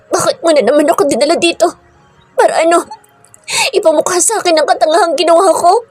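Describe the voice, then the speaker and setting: A woman's voice: very high voice, fast talker, darkish tone, faint music behind, pitched above the performer's own voice. A woman voicing a tearful, pregnant young woman who pleads between sobs. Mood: tearful pleading. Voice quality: tearful, sobbing.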